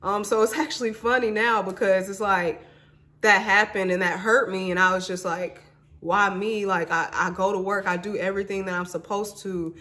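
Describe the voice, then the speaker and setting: A woman's voice: mid-range voice, steady tone, normal speed, bright, forceful tone. A young woman in her twenties from Mississippi speaks to her viewers in a personal vlog. She is candid and emotional, calling them y'all and honey as she tells her story. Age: 20s. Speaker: vlogger.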